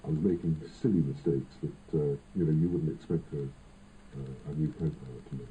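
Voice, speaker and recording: A man speaking as an airline pilot, his voice electronically disguised to sound deep, talking in a hesitant, halting way. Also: fairly even intonation. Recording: tinny phone-like band, faint noise.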